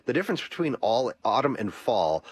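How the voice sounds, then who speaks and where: A Canadian man hosts a call-in radio talk show, chatty and lively, his speech full of "uh" fillers. His husky voice is medium-pitched and a little fast, and the recording is dry.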